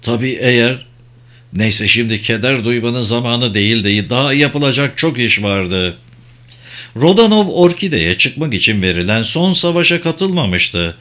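A man narrating an audiobook in a steady, even reading voice. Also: medium pitch, measured pace. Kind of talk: scripted narration.

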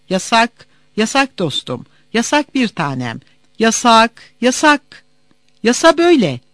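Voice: medium pitch, no room sound, studio quality, voice pushed up, natural voice. A reader voicing a contemptuous male border customs officer who barks orders and sneers at travelers, in an audiobook. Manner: barking, sneering, scornful.

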